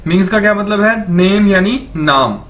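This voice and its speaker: Man, high-pitched, lecture-style teaching, repeats words patiently. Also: expressive, fairly bright tone. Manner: repeats words slowly for learners. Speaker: language teacher. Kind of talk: recorded lecture.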